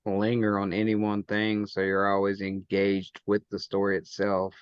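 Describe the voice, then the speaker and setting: Man, low flat smooth voice, slightly muffled dry recording, measured podcast talk. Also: no echo. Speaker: podcast panelist. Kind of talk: casual book discussion.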